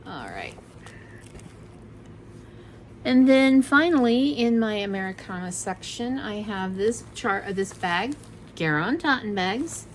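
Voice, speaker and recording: A woman's voice: medium pitch, sing-song, a little slow, a little hiss or hum, poor audio. A middle-aged woman chatting casually and rambling a bit as she shows off her craft kits, often correcting herself mid-sentence. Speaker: cross-stitch vlogger. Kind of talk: casual show-and-tell chat.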